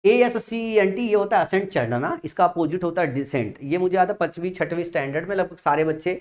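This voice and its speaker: A man's voice: high voice, fast talker, darkish tone. Patient young male teacher, lecturing. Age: young adult father. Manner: explains patiently with repeated rhetorical questions; often checks in with "theek hai na". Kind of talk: classroom-style vocabulary lesson.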